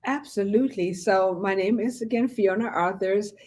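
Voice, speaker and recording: A woman's voice: medium pitch, moderate pace. A woman in her forties, originally from Zimbabwe, a pastor telling her story as a guest with many fillers. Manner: warm storytelling with frequent fillers. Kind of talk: casual interview talk.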